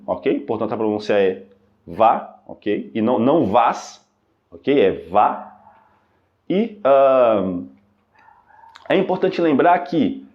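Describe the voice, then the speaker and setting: A man's voice: medium pitch, a little mellow. A man teaching an online language lesson, patiently repeating phrases and checking in with "ok?" after each point. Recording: dull lo-fi recording.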